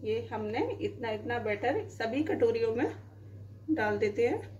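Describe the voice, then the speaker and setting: Working in her kitchen, a cooking channel host plainly narrates each step of a home cooking demonstration, sprinkling in "dekhiye" again and again. Her voice is fairly high with a darkish tone and a measured pace, heard through lo-fi audio with some hiss or hum.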